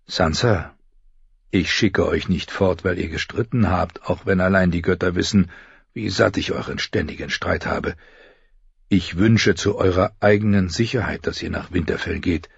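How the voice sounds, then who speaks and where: Audiobook: man as tired stern lord-father, low, husky. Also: no room sound, dull audio, exaggerated voice. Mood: weary. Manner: tired, firm, measured. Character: weary middle-aged lord and father, stern.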